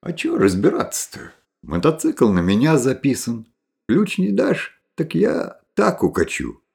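A man's voice: mid-range voice, wildly swooping pitch, measured pace, vocal fry, a little mellow, husky, exaggerated voice. A man voicing a confident middle-aged village chairman who speaks bluntly, in a storybook reading.

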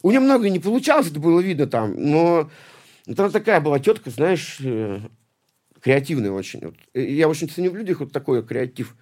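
A man's voice: fairly high pitch, very animated, fairly quick, a little mellow. A man in his late forties from St Petersburg, a guest talking casually in a rambling way, swearing a lot and repeating himself. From St Petersburg, Russia. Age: 40s. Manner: rambling, heavy swearing, many restarts and repeated words. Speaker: guest, punk poet and musician. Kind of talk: casual interview talk.

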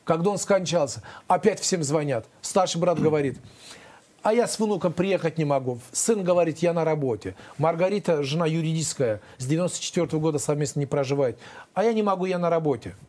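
A man's voice: on the high side, fast, darkish tone. A man, a former defense lawyer, answering interview questions in an emphatic, rambling, aggrieved way with many restarts.

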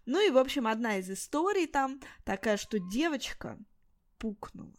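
A woman in her thirties co-hosting a casual podcast, telling stories with animated swings in her voice. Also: normal speed. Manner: animated storytelling, lively pitch swings. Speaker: podcast co-host. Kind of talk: casual chat about children's books.

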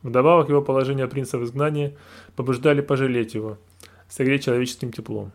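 Man reading a novel aloud, calm. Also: medium pitch, fast talker. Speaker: audiobook narrator. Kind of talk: scripted narration.

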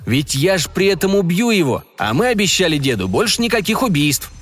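A man's voice: high-pitched, very animated, fairly quick, fairly bright tone, soft background music, pitched above the performer's own voice, exaggerated voice. A man doing a whiny, fretful uncle. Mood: reproachful. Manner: whiny, near tears. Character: soft-hearted, fretful male hillbilly uncle. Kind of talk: audiobook character voice.

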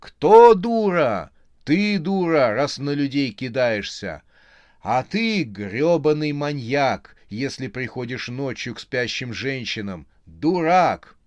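A man voicing a quarrelsome young woman, shouting and indignant. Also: mid-range voice, expressive, unhurried, few pauses, no echo, lightly acted. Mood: furious.

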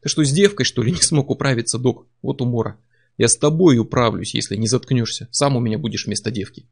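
A man reading aloud, voicing a rough, mocking male barbarian comrade with a gruff, jeering manner. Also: medium pitch, fast.

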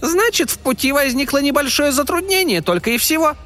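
A man voicing a tiny, quick-tempered male fairy in a piercing falsetto, boastful and irritable. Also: expressive, bright, forceful tone, soft background music, full character voice. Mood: indignant. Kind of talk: audiobook character voice.

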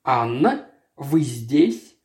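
A man's voice: mid-range voice, very animated, very slow, a little mellow. A man voicing an indignant young fiancé who hotly defends his bride. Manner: heated, protective.

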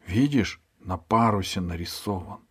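A man voicing a calm young village girl who explains things quietly. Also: low voice, a little slow, breathy edge, full character voice. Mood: hushed. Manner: hushed, matter-of-fact.

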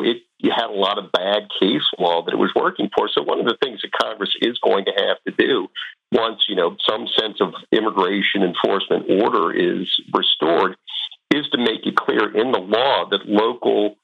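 A man giving halting, explanatory commentary as an expert guest in a radio interview. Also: fairly low pitch, vocal fry, breathy edge. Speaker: guest expert on immigration law. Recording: muffled, narrow radio audio.

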